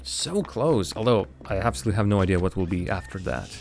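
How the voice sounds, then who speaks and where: A man giving casual, halting game commentary, thinking aloud and poking fun at himself, and speaking as a language. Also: deep voice, lively intonation, darkish tone. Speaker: host of a game playthrough stream. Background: game music.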